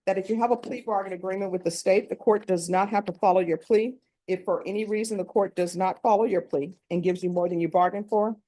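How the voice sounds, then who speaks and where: A woman's voice: mid-range voice, warm tone. Woman judge on a courtroom recording. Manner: brisk, formal, reads set questions. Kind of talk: formal plea admonishments.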